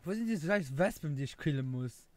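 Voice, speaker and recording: The recording is dry, capturing a young man with a Luxembourgish accent, from Luxembourg, talking briskly in a slightly high voice with lively intonation. It's relaxed gameplay stream chatter, full of rambling, laughter, self-mockery and word searches.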